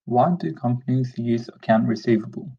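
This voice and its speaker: A man reading a prepared script as a steady, plain narration over a lo-fi screen recording. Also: mid-range voice, normal speed, slightly rough. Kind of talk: read-aloud screencast narration. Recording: dull lo-fi sound, distant from the mic.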